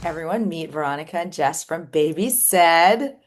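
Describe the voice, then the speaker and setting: Upbeat woman interviewer, lower voice. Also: animated, moderate pace, over loud music. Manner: upbeat, enthusiastic. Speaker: showcase founder and interviewer. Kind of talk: casual interview.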